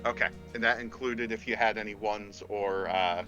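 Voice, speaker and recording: A man narrating as game master in a relaxed, filler-filled way. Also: on the low side, moderate pace, lo-fi sound, over music. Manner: relaxed, uses many fillers.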